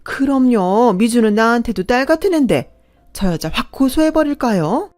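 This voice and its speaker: A woman's voice: a little high, lively intonation, moderate pace, darkish tone, soft background music, natural voice. A woman voicing a wealthy, fiercely protective middle-aged woman who talks indignantly and gives orders. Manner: indignant, commanding.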